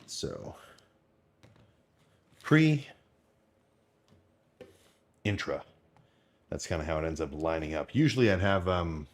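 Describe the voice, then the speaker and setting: A young man with a very deep, low voice talks to his vlog audience. He speaks informally and off the cuff, rambling along with plenty of slang. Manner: rambling, informal, full of slang and mild swearing. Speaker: fitness vlogger. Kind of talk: casual unscripted vlog chat about eating and training.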